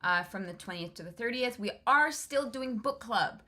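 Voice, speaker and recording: A woman's voice: a little high, lively intonation, normal speed, pushed and bright. A young woman co-hosting a casual livestream chat, talking in a chatty way with lots of fillers. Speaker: co-host.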